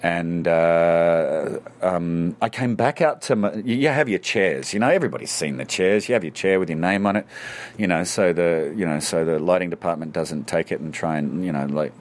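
A man's voice: low-pitched, normal speed. A man, an actor telling stories in a casual interview. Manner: animated anecdote teller. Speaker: actor guest.

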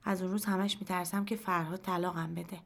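A woman reading a short story aloud in first person, in a quiet, measured storytelling voice. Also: fairly low pitch, fairly even intonation, vocal fry. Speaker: narrator. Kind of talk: scripted narration of a short story.

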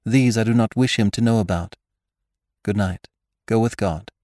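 A man's voice: on the low side, moderate pace, darkish tone, no echo, studio quality, natural voice. A man reading aloud gives voice to a proud, imperious stage actress who gives orders in a haughty, commanding way. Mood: curt.

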